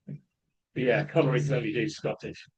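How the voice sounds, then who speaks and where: A man chatting casually about movies in a radio studio, talkative and quick to laugh. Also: medium pitch, far from the mic, muffled recording. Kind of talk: casual chat. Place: small community radio studio.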